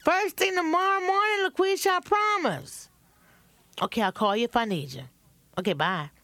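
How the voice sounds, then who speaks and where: Beat-down wife in a radio skit, high and bright, pleads then snaps. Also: female voice, expressive, moderate pace, no room sound. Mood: tired. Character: battered woman who finally fights back. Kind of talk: radio comedy sketch.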